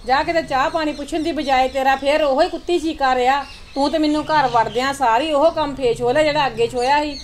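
Sharp-tongued older mother-in-law, played by a woman, scolding and nagging in a family skit. Her voice sits high. It rings in an echoey room. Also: steady tone, fast, hardly any pauses, slight background noise, natural voice. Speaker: actor in a family comedy skit. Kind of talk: Punjabi family drama skit acting.

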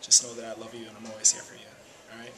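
A young man, a graduating high school senior, giving an earnest, affectionate thank-you message to his teacher. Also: monotone, racing. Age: young adult. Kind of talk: heartfelt message to camera. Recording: distant mic with noticeable background noise.

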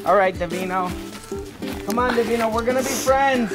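A young man, a family vlogger, talks excitedly to the camera in a backyard chicken coop. He is playful and animated and keeps calling the viewers guys. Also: extremely high pitch, normal speed. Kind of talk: excited vlog talk to camera. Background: background music.

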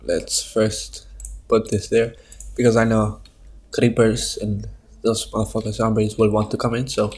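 A man casually narrating his gameplay with rambling, profane commentary, his voice coming through the low-quality audio of a webcam microphone at his home computer. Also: steady tone, measured pace, a little mellow, slightly rough. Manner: rambling and profane, thinking aloud while playing. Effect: low-quality stream audio from a webcam mic. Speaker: Minecraft let's-play streamer.

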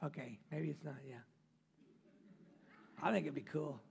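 A male pastor preaching a sermon in church, reading scripture and swinging between loud emphatic passages and quiet, low asides. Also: unhurried, creaky, slight background noise. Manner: reads scripture aloud and breaks off into joking remarks. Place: church sanctuary.

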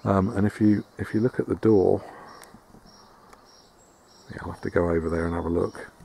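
Filming handheld outside and in a barn, a farmhouse-restoring vlogger gives a relaxed tour in a deep, gravelly voice, frequently stopping with fillers and restarts. Slight background noise is audible.

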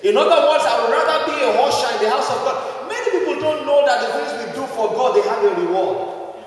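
A male pastor preaching a sermon, shouting his emphasis, asking the congregation to repeat after him, with many "you know" fillers. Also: very high voice, fast talker. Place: church hall. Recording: echoey hall, mic far off.

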